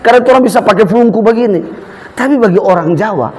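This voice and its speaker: A man's voice: high voice, fast talker, faint music behind. A man preaching a sermon, telling stories with humor and acting out voices. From Eastern Indonesia. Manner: lively, humorous storytelling with mimicked voices. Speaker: pastor.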